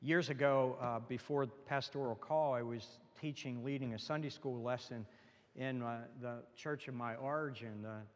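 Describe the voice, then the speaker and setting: A man's voice: medium pitch, fairly even intonation, moderate pace. Male pastor preaching in a reverberant church. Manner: earnest preaching, rising emphatic on key phrases; conversational asides to the congregation. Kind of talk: sermon. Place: church sanctuary. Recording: long reverb of a church hall.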